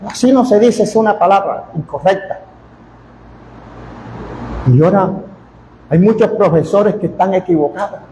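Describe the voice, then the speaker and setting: Male pastor, high-pitched, folksy emphatic sermon, echoey room. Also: normal speed, pauses often, dark tone, slight background noise. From Colombia. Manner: folksy, joking, emphatic preaching with repetitions.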